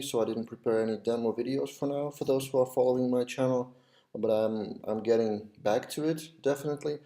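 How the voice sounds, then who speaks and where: With a warm, lowish voice and a Lithuanian accent, this man in his thirties from Lithuania chats casually to camera from a small office as a web developer vlogger. He's hesitant, often restarting and using plenty of fillers.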